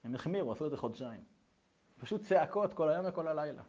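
A man telling a story expressively, acting out voices and swinging between loud and hushed. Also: a little high, animated, dull audio. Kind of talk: animated spoken storytelling.

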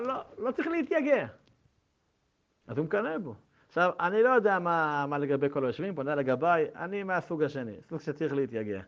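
An animated middle-aged rabbi teaches a class, telling stories and often restarting his sentences as his voice swings between loud and quiet. His voice sits a little high, and the recording is dull and lo-fi. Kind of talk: Torah lesson with storytelling. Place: room with listeners.

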